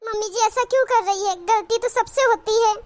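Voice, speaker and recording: A woman's voice: extremely high pitch, steady tone, a little fast, a little mellow, slight background noise. A woman voicing a meek young daughter-in-law in a cartoon, apologetic and pleading. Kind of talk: cartoon voice acting.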